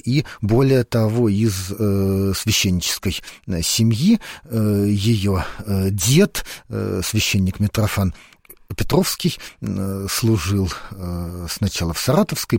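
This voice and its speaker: A man's voice: lowish voice, gravelly, a little mellow, breathy edge, no echo. Man, 40s, radio guest, thoughtful, lots of fillers, dry studio sound. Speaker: guest, university lecturer. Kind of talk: radio interview. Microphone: studio microphone.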